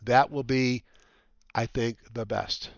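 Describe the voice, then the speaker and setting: Guy doing a casual market update, nose whistles, halting and rambly, dry kinda muffled home recording. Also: medium pitch, steady tone, gravelly, no room sound. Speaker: trading educator hosting a market update. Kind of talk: casual semi-scripted market commentary. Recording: slightly dull, lo-fi dry recording.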